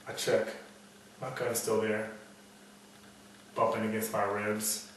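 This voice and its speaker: A man plays a hard-boiled, world-weary detective, muttering a bleak noir monologue in a lowish, monotone voice at a slow pace. Weary and brooding, he sounds like a cynic telling an old story. The recording is very echoey and distant from the mic, with faint noise.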